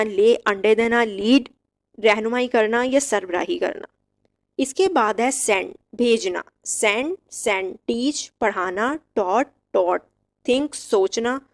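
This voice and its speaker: A woman teaching English verb forms, reciting each word slowly and clearly with short explanations. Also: fairly high pitch. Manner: slow, drilled word-by-word recitation. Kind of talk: vocabulary lesson.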